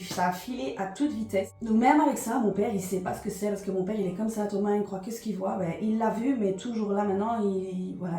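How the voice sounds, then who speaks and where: In a casual, confessional vlog chat, a Liège woman with a Belgian French accent speaks haltingly, full of fillers and repetition. The medium-pitched voice has a dark tone and sounds like it was recorded in an echoey room.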